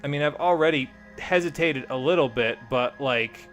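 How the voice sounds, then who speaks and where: A male game streamer with a medium-pitched voice talks casually over faint music. He rambles wryly, thinking aloud as he plays. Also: moderate pace, fairly bright tone. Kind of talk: casual playthrough commentary.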